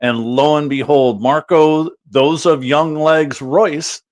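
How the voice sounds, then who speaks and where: A man's voice: a little high, steady tone, slow pace. A man co-hosting a casual soccer talk show, chatty and enthusiastic as he recaps games. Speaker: podcast co-host.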